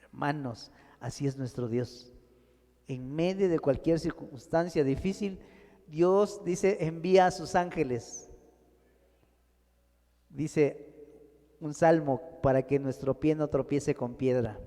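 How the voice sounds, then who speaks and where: A male pastor preaches to his congregation, pressing hard on key lines, then dropping low and soft. His voice sits a little high yet sounds dark and mellow. A long church reverb trails behind every phrase. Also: slow pace, long pauses. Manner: preaching, addressing the congregation as brothers, rising and falling emphasis. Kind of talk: sermon.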